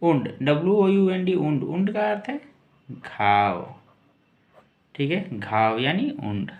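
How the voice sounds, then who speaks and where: A man teaching English words in a slow lesson, spelling each word out letter by letter and repeating it. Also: a little high, big pitch swings, dull audio.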